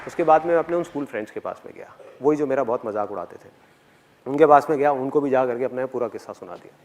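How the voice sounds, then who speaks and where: A man's voice: mid-range voice, quick pace, a little mellow. A man giving a motivational stage talk, telling a personal story with animation and putting questions directly to the audience. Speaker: motivational speaker. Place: on stage before a live audience.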